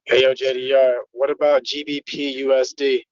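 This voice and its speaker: Call-in member, male, slangy, monotone, dry lo-fi line. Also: medium pitch, moderate pace, no echo. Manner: casual, slangy. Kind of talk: casual chat.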